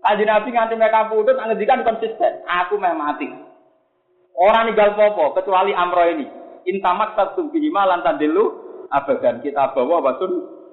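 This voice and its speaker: A man with a Javanese accent preaching a sermon, animated and joking, often asking his listeners rhetorical questions. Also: high-pitched. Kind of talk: religious sermon. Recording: echoey, phone-like lo-fi sound.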